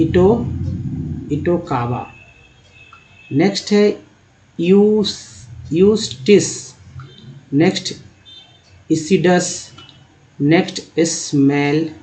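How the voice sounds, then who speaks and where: A man's voice: on the high side, darkish tone, rough recording. Patient Hindi-accented man teaching pronunciation. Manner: slow, patient, drawing out words he demonstrates. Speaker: English teacher. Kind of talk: explaining pronunciation to learners.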